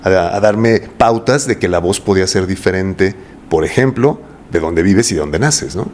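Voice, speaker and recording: A man's voice: low voice, unhurried, a little mellow, a little hiss or hum. A man with a Mexican accent, a voice coach talking at length in a casual interview and often asking rhetorical questions. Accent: Mexican Spanish. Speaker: voice coach guest.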